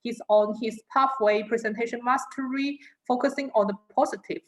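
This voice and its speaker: A woman introducing a speaker at an online meeting, reading hesitantly with filler pauses. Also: a little high, fairly even intonation, poor audio. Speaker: speech evaluator. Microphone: video call.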